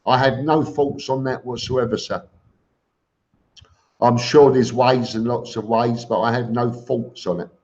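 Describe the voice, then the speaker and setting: Slow-talking man, casual live streamer, dull audio. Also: medium pitch, fairly even intonation, a little mellow. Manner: informal and blunt, calls listeners mate. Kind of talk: casual live chat, reading out viewer comments and answering.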